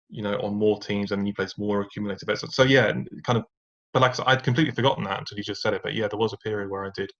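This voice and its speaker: A man appearing as a podcast guest reflects on his personal story, full of fillers and restarts, with the occasional rueful laugh. His voice is on the low side with a fairly bright tone, and the recording sounds dull and lo-fi.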